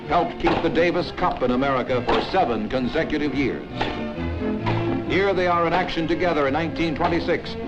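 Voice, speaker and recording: A man narrating an old newsreel in a brisk, emphatic announcer manner. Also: fairly high pitch. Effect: old newsreel soundtrack. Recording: dull lo-fi film soundtrack with music.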